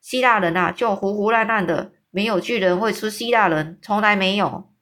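A woman voicing a huge, boisterous male giant who teases loudly and draws out his exclamations. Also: lively intonation. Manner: booming, boisterous, drawn-out exclamations.

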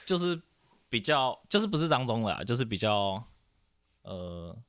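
A young man from Taiwan chatting casually on a podcast, hesitant, with many restarts and soft laughs. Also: medium pitch, very animated, normal speed, no room sound, studio quality. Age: young adult. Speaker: podcast guest. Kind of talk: casual chat.

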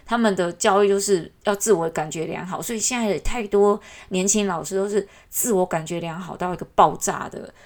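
A woman with a Taiwanese Mandarin accent, talking through her podcast as a casual monologue. She is chatty and animated, dropping in little particles as she goes, at a middle pitch. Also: fairly quick, few pauses. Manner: chatty, animated, frequent "hou" particles and laughs. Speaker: podcast host; works with kindergarten classes.

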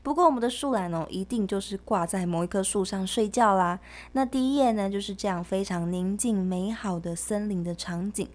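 A woman presenting and narrating a picture book in a gentle, expressive manner, as if reading to a toddler. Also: mid-range voice, fairly quick. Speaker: host presenting picture books.

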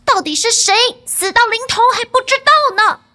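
A woman voicing a brash, fearless young man who talks loudly and cockily in a fairy tale. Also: sits high, huge pitch swings, moderate pace, full character voice. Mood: cocky. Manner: loud, cocky shouting.

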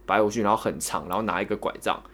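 On a podcast, a young male co-host with a Taiwanese Mandarin accent tells a long story very fast in a lowish voice. His delivery is casual and meandering, full of repeated words, and animated as he retells things.

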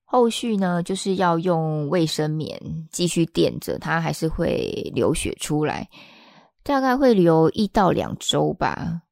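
A woman, hosting a podcast and telling a personal story in a chatty, expressive way. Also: low voice, gravelly, no room sound, clean studio sound. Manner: chatty and expressive, acts out the people she quotes. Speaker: podcast host.

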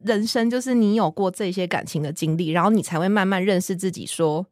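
A woman's voice: medium pitch, a little fast, no room sound, clean studio sound. A woman, co-hosting a casual chat and telling stories with acted-out quotes. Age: 40s. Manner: animated storyteller, acts out quotes. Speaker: podcast co-host.

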